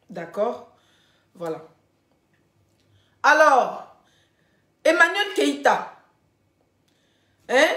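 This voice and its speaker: High-voiced woman ranting on a live stream. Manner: animated, laughing, addresses viewers directly. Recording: roomy echoey room.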